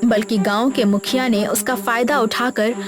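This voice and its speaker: A woman with a fairly high voice tells an animated children's story in a steady, dramatic way. Music plays clearly beneath her narration. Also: moderate pace. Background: background music.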